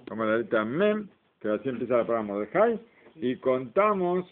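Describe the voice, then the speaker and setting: A man's voice: mid-range voice, big pitch swings, fairly quick. A man teaching an informal Torah class, explaining step by step and asking the class questions. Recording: tinny phone-like recording.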